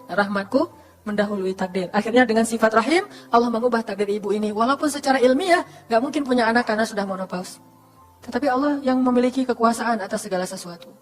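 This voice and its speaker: Woman, high voice, fast delivery, lively sermon retelling, faint music behind. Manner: lively storytelling with acted quotes. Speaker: religious speaker.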